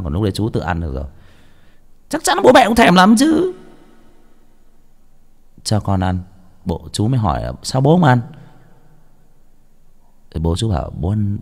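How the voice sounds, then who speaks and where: Young guy, gravelly and low, swings up and down a lot, stumbles over words. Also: huge pitch swings, moderate pace, pauses often. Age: young adult. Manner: casual, stammers and repeats words. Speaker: audiobook reader. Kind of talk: rambling spoken monologue.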